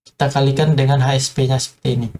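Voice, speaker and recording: A man's voice: mid-range voice, little pitch movement, fast, warm tone. A man giving an informal tutorial on construction, talking hesitantly with many filler sounds and addressing viewers as friends. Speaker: construction explainer.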